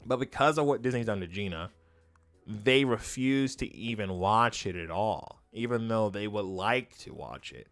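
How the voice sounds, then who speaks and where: A man's voice: fairly low pitch, normal speed, fairly bright tone, soft background music. A man giving casual, opinionated livestream commentary as a host, speaking emphatically and often repeating his phrases for weight. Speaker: YouTube host and streamer.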